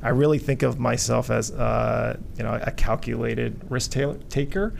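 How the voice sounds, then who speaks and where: A man from Vietnam, a company co-founder, answering radio interview questions haltingly with many fillers. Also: mid-range voice, vocal fry, slight background noise. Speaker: guest, hotel company co-founder.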